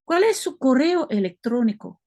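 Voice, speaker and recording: A woman with a Belgian French accent, reading practice sentences slowly and carefully, explaining and correcting herself as she goes. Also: high voice, big pitch swings, mellow. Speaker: language-learning video host. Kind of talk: reading practice dialogue aloud.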